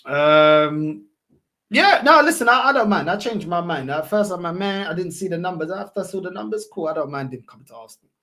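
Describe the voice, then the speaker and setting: A man's voice: fairly high pitch, a little fast, fairly bright tone. A man with a London roadman accent chatting casually as a football livestream host, slangy and repetitive with emphatic phrasing. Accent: London roadman, multicultural London English. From London, England. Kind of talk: casual livestream chat, answering viewer comments.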